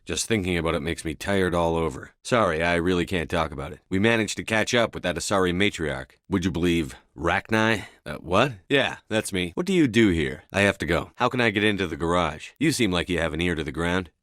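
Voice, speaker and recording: A composed, businesslike male military commander from a sci-fi video game. His voice sits low and he speaks in measured, clipped, matter-of-fact lines with a tough edge. The sound is dry, with no room on it. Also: lively intonation, a bit bright, dry recording. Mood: calm, guarded. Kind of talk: scripted video game dialogue.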